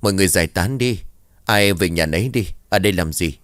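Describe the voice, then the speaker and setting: Man voicing a bossy village woman shooing people off, low dry voice. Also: quick pace, a bit bright, clean tone, dry recording. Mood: brusque. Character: brusque village woman dispersing a crowd.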